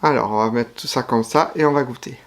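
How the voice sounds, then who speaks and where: A man talking to camera as he tastes snacks one after another. He sounds chatty and frank in his verdicts, and at times he speaks with his mouth full. His voice sits at an ordinary middle pitch. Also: fairly quick. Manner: chatty, frank verdicts, talks while chewing. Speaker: YouTuber tasting foreign food. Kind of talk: casual food-tasting commentary.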